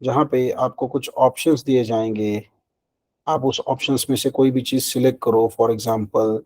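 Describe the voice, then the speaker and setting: Male coding instructor, warm mellow tone, chatty, answers his own questions. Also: medium pitch, fairly even intonation, measured pace, rough recording. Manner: mixes Hindi and English, asks and answers his own questions; conversational, frequent fillers like "ठीक है" and "ना". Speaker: programming instructor. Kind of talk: screen-recorded coding lesson.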